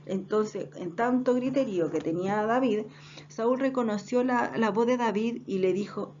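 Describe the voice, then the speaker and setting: A woman's voice: a little high, normal speed, darkish tone. A woman teaching a Bible class, retelling a story with frequent hesitations and checks that her listeners follow. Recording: dull lo-fi recording, faint noise.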